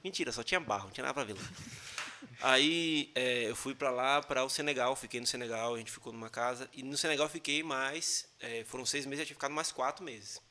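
A man chatting casually as a podcast guest, telling lively stories, often laughing and acting out what people said. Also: medium pitch, fairly quick, slight background noise. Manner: animated storyteller, laughs often, acts out quoted lines.

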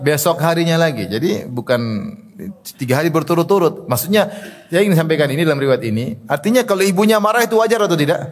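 A male religious teacher gives a study lecture. He explains Arabic terms and tells narrations, often filling pauses with "ya" and "apa namanya". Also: on the high side, big-room sound. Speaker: Islamic teacher.

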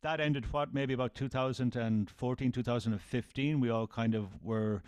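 A man's voice: mid-range voice, fairly even intonation, moderate pace, darkish tone, clean tone, dry recording. A middle-aged man with an Irish accent, hosting a podcast in a conversational style. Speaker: podcast host, sales trainer.

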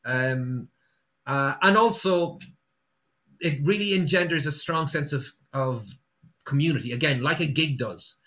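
A man's voice: a little high, unhurried, fairly bright tone. A man with a west of Ireland accent from Sligo, chatting casually and telling anecdotes as an interviewed musician.

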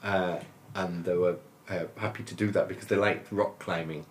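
Fifties guy from northern england, lowish voice, rambly and jokey, keeps laughing. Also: fairly even intonation, moderate pace. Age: 50s. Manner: rambling and good-humoured, often laughing while talking. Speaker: guest musician. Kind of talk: casual interview chat.

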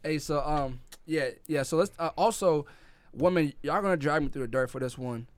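A man's voice: fairly high pitch, normal speed, no echo. A man co-hosting a casual podcast, brash and opinionated, joking around with friends about music. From New York City. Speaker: podcast co-host.

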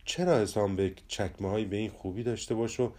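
A man's voice: lowish voice, darkish tone, lightly acted. A man voicing a jealous, self-pitying traveler in a storybook tale who keeps complaining. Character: grumbling jealous man traveler, Ahmad Bek.

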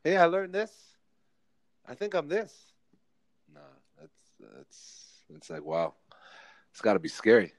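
A man's voice: on the high side, huge pitch swings, unhurried, long pauses, no echo, low-quality recording. A man in his forties hosting a casual podcast chat, laid-back and teasing, laughing often. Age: 40s.

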